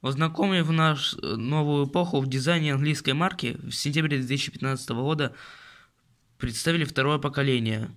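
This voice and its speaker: At home at his desk, a man casually reviews a car magazine, rambling, grumbling and addressing his viewers. His mid-range voice is brisk and fairly bright, recorded on a phone he holds close.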